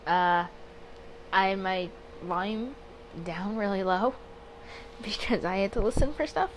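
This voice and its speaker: A woman with a medium-pitched voice and measured pace hosts a gaming channel's casual let's play. She reads a visual novel aloud, chatting and rambling, interrupting herself with corrections and apologies; the home recording carries background noise.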